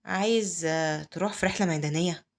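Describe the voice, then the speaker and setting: A woman voicing a petty, scheming male professor in her Egyptian Arabic accent, with quick, flat reading. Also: fairly low pitch, close to an everyday voice. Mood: coaxing.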